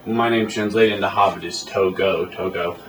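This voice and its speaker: A man with a fairly low voice chats casually about his work as an animator, drifting from one self-amused story to the next. He sounds a little distant from the mic in a reverberant room. A faint hiss sits under the recording. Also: fairly even intonation, moderate pace. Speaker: animator interviewee. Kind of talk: casual interview chat.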